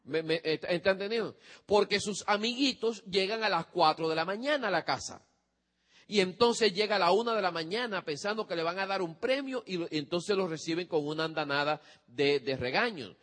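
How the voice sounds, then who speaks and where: Male preacher, fairly high voice, storytelling sermon in a reverberant hall. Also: brisk, fairly bright tone. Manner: storytelling with acted-out quotes and audience questions. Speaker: preacher giving parenting advice.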